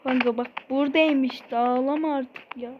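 A woman's voice: high-pitched, fairly even intonation, normal speed, lo-fi sound, slight background noise, close to an everyday voice. A woman voicing a reassuring female friend who shrugs off her broken leg, in her own plain voice.

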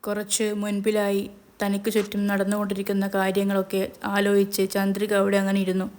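A woman narrating a retelling of a TV serial's episode in a steady, even manner. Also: mid-range voice, a little fast. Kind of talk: storytelling recap.

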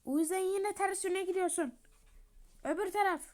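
A woman's voice: very high-pitched, normal speed, darkish tone, voice pushed up. A woman voicing a bossy young woman commander who scolds and bosses others in a game story. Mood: scolding.

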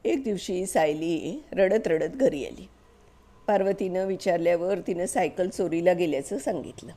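A woman narrating a short story aloud in a calm, measured way. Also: lowish voice. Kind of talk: story reading.

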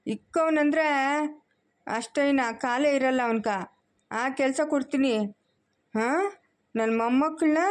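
A woman doing a fierce grandfather, scolding and threatening, high-pitched cartoon voice. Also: a little mellow, natural voice. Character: angry protective grandfather, hot-tempered.

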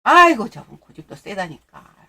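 A woman's voice: mid-range voice, sing-song, normal speed, creaky, pushed and bright, breathy edge. A middle-aged woman hosting a stock-trading livestream, chatting casually and teasing viewers as they send donations.

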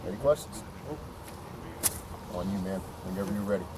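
A man's voice: low-pitched, normal speed. A man instructing and casually coaching trainees outdoors on a frozen lake. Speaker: cold-water immersion instructor. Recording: windy, very noisy, distant camera audio.

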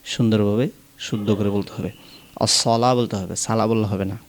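A man with a Bangladeshi Bengali accent giving a pronunciation lesson, explaining calmly and then chanting long, drawn-out sung phrases. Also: on the low side, a little hiss or hum. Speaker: azan teacher.

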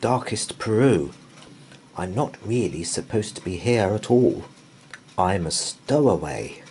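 A man's voice: on the low side, expressive, takes it slowly, a little mellow, slight background noise. A man voicing a small, polite and earnest young bear in a children's storybook. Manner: courteous, earnest.

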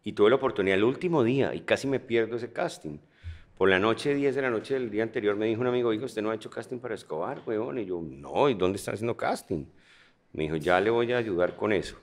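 A man with a Colombian accent, a guest actor on a podcast, telling stories in a joking, slangy way. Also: lowish voice. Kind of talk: casual podcast conversation.

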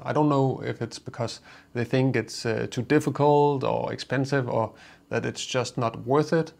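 Male coffee vlogger, thirties, gravelly texture, conversational with filler pauses. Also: mid-range voice. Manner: relaxed, conversational with frequent "uh" fillers. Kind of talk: casual explainer to camera. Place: small indoor studio with coffee gear behind.

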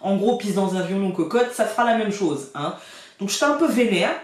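A card reader and vlogger tells casual stories to the camera, chatty and colloquial and laughing often. Her medium-pitched voice is expressive and a little fast, recorded far from the mic in a very echoey room.

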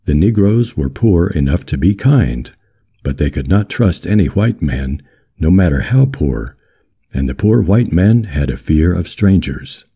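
Deep, firm, husky male audiobook reader. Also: a little slow. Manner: calm, deep, firm delivery. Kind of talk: audiobook narration of a literary novel.

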